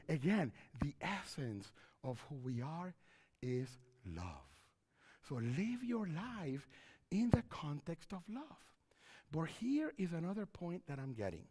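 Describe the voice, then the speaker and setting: A middle-aged man, a pastor and counselor, gives an animated seminar talk from a church stage with a headset mic, often repeating his phrases. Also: on the high side, breathy edge, big-room sound. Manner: animated, repeats phrases, wide hand gestures while pacing.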